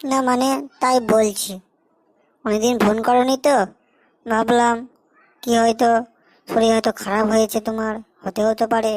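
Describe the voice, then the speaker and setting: A high-voiced, melodramatic young boyfriend, played by a woman in a comedy sketch. He pleads for attention and sinks into self-pitying laments. His talk is sulky and theatrical. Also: flat delivery, moderate pace, long pauses, darkish tone, dry recording, lightly acted, rough recording. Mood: whiny. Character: lovesick young male boyfriend, whiny and melodramatic.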